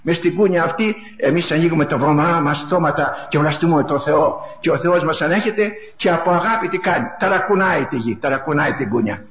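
A middle-aged man delivers a sermon with passion, repeating phrases and swinging from loud cries to near-hushed words. His voice sits a little high. The recording is dull and lo-fi, with a roomy echo around him. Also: few pauses. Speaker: preacher.

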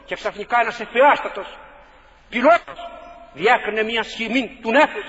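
A man's voice: very high-pitched, fairly bright tone, breathy edge. A man preaching a fervent sermon, repeating his phrases for emphasis and asking rhetorical questions. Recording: dull lo-fi recording with long hall reverb.

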